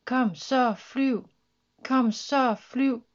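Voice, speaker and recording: A woman's voice: a little high, a little mellow, highs cut off, pitched above the performer's own voice, close to an everyday voice. A woman voicing a flock of eager cockatoos in a children's story, cheering and chanting.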